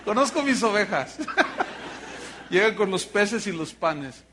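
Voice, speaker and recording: Lively high-voiced Mexican preacher. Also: male voice, slow pace, noisy background. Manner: animated storytelling with joking asides to the congregation. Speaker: pastor. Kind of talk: sermon.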